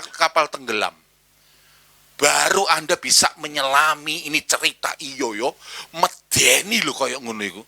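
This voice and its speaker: A man with an East Javanese accent preaching a sermon in church, animated and slipping into Javanese slang while acting out voices. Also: high voice, dry recording. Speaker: pastor.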